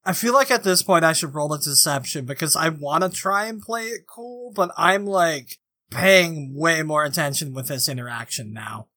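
A man playing a tabletop game, talking in character in an easygoing, unhurried way. His tone is bright and forceful, and the sound is dry and close. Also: fairly high pitch, no echo. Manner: easygoing, slow-paced in-character talk. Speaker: player.

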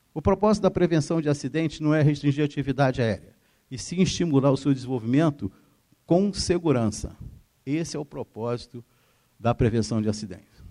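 A man's voice: mid-range voice, warm tone. A middle-aged man, an air force colonel giving a flight-safety lecture, telling stories with acted-out dialogue and often adding "ok?" to his sentences. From Rio de Janeiro. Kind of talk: lecture with anecdotes. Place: university theater.

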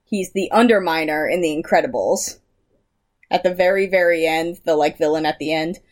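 A woman's voice: deep voice, normal speed. A young woman co-hosting a podcast, chatting casually, laughing often and reading out trivia. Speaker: podcast co-host. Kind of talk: casual chat.

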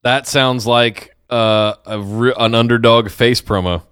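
A man's voice: medium pitch, steady tone, unhurried, a bit bright, clean tone, dry recording, clean studio sound. A man co-hosting a podcast, jumping eagerly into a casual talk about wrestling. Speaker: podcast co-host.

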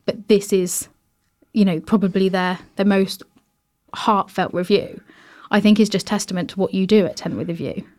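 A woman's voice: medium pitch, a little mellow. A woman hosting a travel podcast, reading a review aloud and asking questions in an enthusiastic, effusive way. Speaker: podcast host. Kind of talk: podcast interview.

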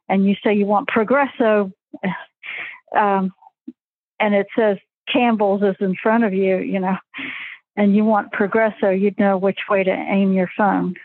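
A woman's voice: medium pitch, dry recording. A polite, somewhat hesitant woman asking questions as a caller, heard over an old flip phone with a thin, tinny sound. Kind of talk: casual live call-in question. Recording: tinny, band-limited flip phone call.

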